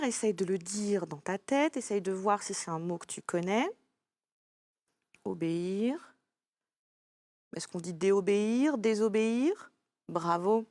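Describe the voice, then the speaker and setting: Woman teacher talking to little kids, super slow and patient, lots of praise, very sing-songy. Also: mid-range voice, darkish tone, no room sound. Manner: slow, patient, encouraging, addresses the child directly. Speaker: primary school teacher. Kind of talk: recorded lesson for young children.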